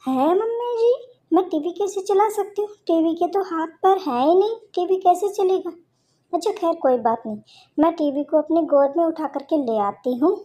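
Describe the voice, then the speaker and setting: A woman playing a sweet, simple-minded young daughter-in-law from a cartoon story, who asks innocent, literal questions in a high, soft, mellow voice. She sounds eager to please and never quite grasps what she is told. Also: lively intonation, normal speed. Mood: naive.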